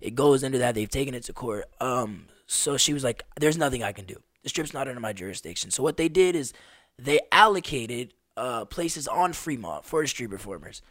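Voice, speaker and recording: A man in his twenties, a guest on a podcast, telling stories in an animated, slangy way. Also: medium pitch, a little fast, no echo, clean studio sound. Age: 20s. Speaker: podcast guest, street performer. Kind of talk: casual conversation.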